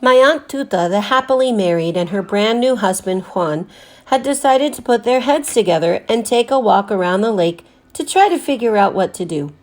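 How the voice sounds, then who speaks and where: In the manner of a teacher reading to her class, a woman with a mid-pitched voice reads a children's picture book aloud. She reads expressively, deliberately stressing the words that matter to young listeners.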